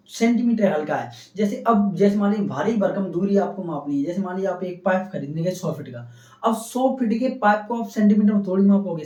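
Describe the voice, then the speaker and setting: A male science teacher with a high-pitched, warm voice lectures a class, asking questions he answers himself and repeating key terms. The audio is echoey, picked up by a distant, dull mic.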